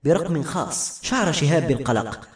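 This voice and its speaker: A man narrating a novel as an audiobook in a steady, brisk storytelling manner. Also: a little high. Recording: roomy echoey room.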